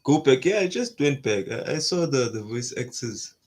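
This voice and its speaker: Excitable young man reacting in slang. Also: medium pitch, normal speed. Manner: excitable, slangy, repeats "nah" in bursts. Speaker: anime reaction host. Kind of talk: casual reaction commentary.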